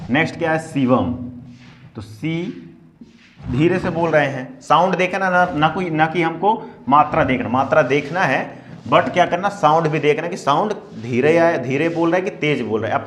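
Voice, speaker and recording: A man's voice: medium pitch, slight background noise. A male English teacher giving a classroom spelling lesson, asking questions and answering them himself while drilling words syllable by syllable.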